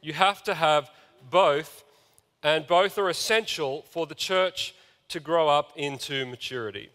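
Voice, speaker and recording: A man's voice: a little high, a little slow, sharp tone. A man preaching a sermon as pastor, earnestly reading scripture and calling out to the congregation. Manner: earnest preaching, reads scripture aloud, asks congregation for amens. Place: church sanctuary. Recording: long reverb of a large hall.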